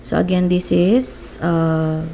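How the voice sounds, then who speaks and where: A Filipino woman with a slightly gravelly, lowish voice talks slowly through a mic unboxing. She sounds stuffy from a cold, chatting casually at home. There is clear background noise behind her. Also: fairly even intonation, mellow, poor audio. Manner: chatty, testing mic with repeated hellos. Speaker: vlogger reviewing a microphone. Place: home room with an electric fan. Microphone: phone with wireless lavalier.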